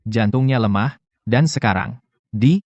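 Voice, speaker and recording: A man playing a calm hospital doctor in a dubbed TV drama, speaking in a measured, reassuring way. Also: medium pitch, no room sound, highs cut off, lightly acted. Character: calm male hospital doctor, matter-of-fact.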